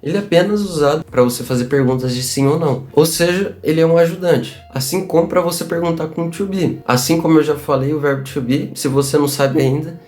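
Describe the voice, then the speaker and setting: A man's voice: a little high, darkish tone, faint music behind. Upbeat Brazilian man teaching English. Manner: upbeat, chatty, repeats examples slowly. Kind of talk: casual online lesson.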